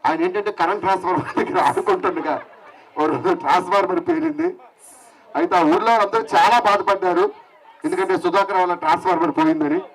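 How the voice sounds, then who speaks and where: A quick, high-pitched man with a Telugu accent works the stage as emcee, firing off teasing jokes into a handheld mic. A crowd murmurs faintly behind him at an outdoor gathering. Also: animated, gravelly, poor audio. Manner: teasing, quick comic patter. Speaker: event anchor. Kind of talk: joking stage emcee banter. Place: outdoor picnic event crowd.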